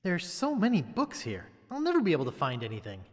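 Young male would-be pirate, video game hero: naive, easygoing, expressive, with echoing reverb. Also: high voice, quick pace. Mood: bewildered. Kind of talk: video game character acting.

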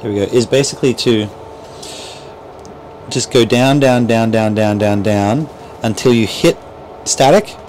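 A middle-aged boat dealer gives an informal, step-by-step how-to demonstration in a small boat cabin at a marina, wearing a clip-on lavalier mic. His voice is fairly low and darkish, unhurried with long pauses, and he often checks in with "right?". There's a little hiss or hum.

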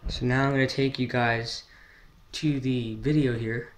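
A teenage American man with a medium-pitched voice speaks as a channel host. He announces a giveaway in a casual vlog style, chatting straight to his viewers. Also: steady tone, a little slow, a little hiss or hum, rough recording. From New Jersey, United States. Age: teens. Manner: casual, addressing viewers as guys.

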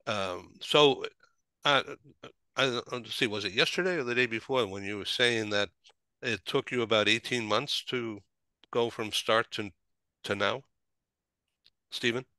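A man's voice: mid-range voice, measured pace, long pauses, sharp tone, smooth, no room sound. A man hosting a talk show panel on a video call, asking loose, meandering questions.

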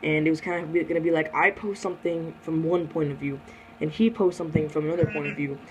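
Teen boy host rushing things along. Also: on the high side, fairly even intonation, a little hiss or hum, poor audio. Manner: hurried, steering the talk along. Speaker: channel host. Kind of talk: casual chat.

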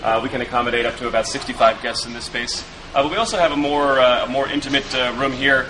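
A man in his thirties, a restaurant chef, giving a walkthrough interview with frequent uh pauses. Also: mid-range voice, steady tone. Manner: hesitant, many filler uhs. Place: restaurant wine cellar and dining rooms, indoors. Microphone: camera mic, handheld camera close by. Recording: echoey room, noisy background hum.

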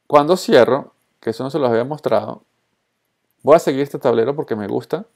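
Speaking briskly, a man presents a casual screencast tutorial about social media, narrating on the fly in an informal style peppered with English tech words. His tone is relaxed, dark, and mid-pitched, with a Colombian-Venezuelan Spanish accent from a Colombian birth and Venezuelan upbringing.

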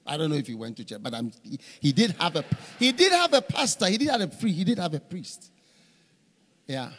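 A middle-aged man with a slightly high voice and a slightly quick pace preaches a conference sermon from a large church stage. Into a handheld mic he tells animated stories full of repeated phrases, and the hall adds reverb.

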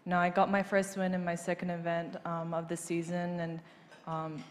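On a large banquet hall stage, a golfer in her twenties is interviewed casually, speaking into a handheld mic with a fairly low voice at a moderate pace. She sounds relaxed, using plenty of fillers and light laughs. The hall is reverberant, with faint noise.

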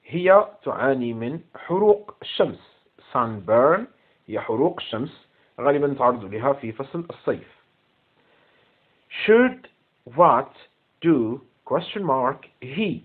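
A man's voice: mid-range voice, big pitch swings, takes it slowly, slightly rough. A man with an Algerian Arabic accent corrects an English exam, repeating each English word and explaining it in Arabic. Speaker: English teacher. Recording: tinny phone-like sound.

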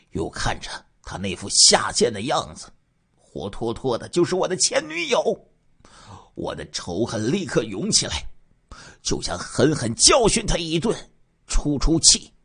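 A man narrates a true-crime case in the first person, voicing the killer's confession. His voice is husky, and his pitch swings very widely as he moves between hushed asides and loud bursts. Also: wildly swooping pitch, measured pace.

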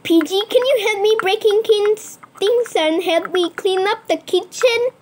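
Very high, slow playful woman narrator. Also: background noise. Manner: playful, sing-song sound effects. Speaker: toy play narrator. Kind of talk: toy play storytelling with character voices.

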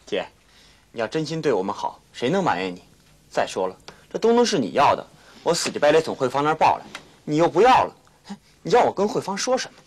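An actor playing a young father who pleads and argues gently with his elder sister. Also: fairly high pitch, big pitch swings, fast talker, long pauses. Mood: pleading. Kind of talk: 1990s TV drama acting. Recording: noisy old TV soundtrack.

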